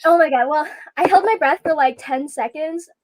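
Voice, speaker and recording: A woman's voice: high-pitched, normal speed, a little mellow, no room sound, low-quality recording. A young woman hosting a casual livestream chat, chatty and laughing often. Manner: giggly, chatty, frequent laughter. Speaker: host.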